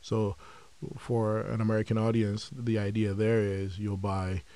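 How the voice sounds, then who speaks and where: Middle-aged man from Nigeria, low warm tone, reflective interview guest. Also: level tone. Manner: measured, frequent um fillers, reflective. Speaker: podcast guest, company founder. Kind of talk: conversational interview.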